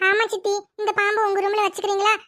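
A woman's voice: very high-pitched, completely flat delivery, quick pace, a bit bright, voice pushed up. A woman voicing an eager, chatty little girl in a cartoon, coaxing and playful.

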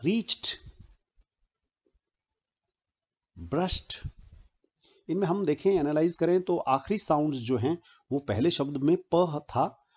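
A man from Haryana in India teaching pronunciation in Hindi, repeating each example word slowly and deliberately. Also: fairly high pitch, warm tone, husky. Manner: slow, deliberate, repeats example words one by one. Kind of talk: slow spoken grammar lesson. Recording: muffled lo-fi recording.

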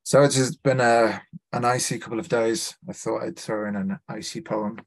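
A man's voice: lowish voice, steady tone, creaky. A man from Liverpool with a Scouse accent, a poet reading his work aloud and introducing each poem with a few hesitant fillers. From Liverpool, England. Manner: measured, deliberate reading with small hesitant fillers between poems. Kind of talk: live poetry reading with spoken introductions. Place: literary festival event.

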